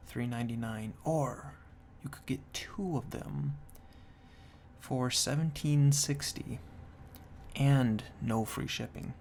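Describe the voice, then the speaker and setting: A man whispering softly and close in a binaural ASMR style, reading reviews and commenting in a dry, deadpan way. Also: slow. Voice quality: hushed, breathy whisper mixed with soft low murmur. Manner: dry, tongue-in-cheek deadpan. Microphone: binaural microphone, very close to the ears. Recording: close binaural ear-to-ear mic, faint noise.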